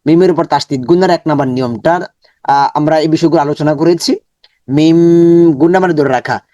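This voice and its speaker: A man teaching Quran reading step by step, slowly breaking words into syllables, repeating each many times, and chanting the full words in drawn-out recitation. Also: fairly high pitch, warm tone, no room sound, highs cut off.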